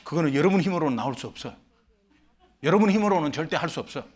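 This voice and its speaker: A male pastor, from Korea, preaching a sermon in a church sanctuary with emphatic delivery that swings between loud and hushed. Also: on the high side, lively intonation, racing.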